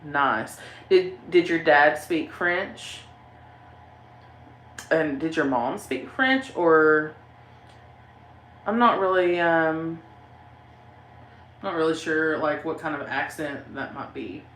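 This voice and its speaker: A paranormal channel host from southeastern Kentucky reads live chat on a livestream, chatting casually in a Southern Kentucky accent. Her voice sits low with a fairly bright tone, she takes it slowly with long pauses, and she rambles with lots of fillers and frequent laughter. The sound is roomy with slight background noise.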